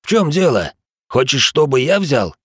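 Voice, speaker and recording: A man's voice: medium pitch, very animated, moderate pace, a bit bright, slightly rough, no room sound, studio quality, voice pushed up. A man voicing tense, sarcastic male companions in an audiobook, lifting his voice above his narration.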